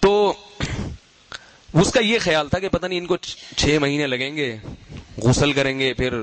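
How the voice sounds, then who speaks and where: Lively, higher-voiced preacher man. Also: a little hiss or hum, poor audio. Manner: conversational storytelling with rhetorical questions and humorous asides; grows loud and emphatic when scolding. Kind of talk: Friday sermon.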